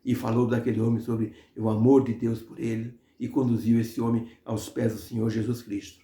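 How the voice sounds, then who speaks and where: Guy teaching a bible lesson, warm mellow tone, lots of hesitations, echoey room. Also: medium pitch, little pitch movement, moderate pace. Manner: conversational, with frequent hesitations and restarts. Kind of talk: devotional storytelling lesson. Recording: roomy echo.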